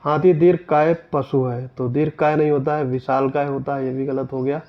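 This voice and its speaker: A man's voice: mid-range voice, fairly even intonation, moderate pace, lo-fi sound. A male teacher going through mock test questions, reading each sentence and then correcting it in a methodical way. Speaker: exam coaching teacher. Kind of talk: explaining mock test answers.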